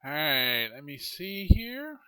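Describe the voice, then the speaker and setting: A man's voice: fairly high pitch, big pitch swings, slow pace, pushed and bright, clear, resonant tone, no room sound. A man running an online tabletop game as game master, patiently explaining the rules and describing the scene.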